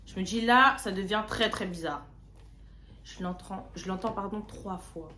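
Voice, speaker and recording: A young woman vlogger casually telling a story, slangy and lively, often repeating words. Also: mid-range voice, normal speed, heavy background noise. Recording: roomy echo.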